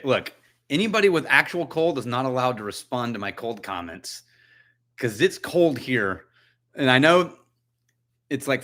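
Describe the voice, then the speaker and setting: Bright-voiced guy doing a chill live whisky tasting from his house, jokey, thinks out loud, answers chat. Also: medium pitch. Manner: chatty, joking, thinks aloud while tasting. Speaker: whisky channel host. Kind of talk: casual livestream tasting, reading viewer comments.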